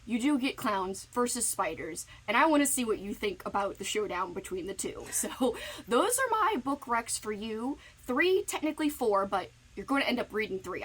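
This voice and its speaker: A woman's voice: mid-range voice, fairly bright tone, low-quality recording. A woman booktuber giving playful, giggly book recommendations in a casual recorded message.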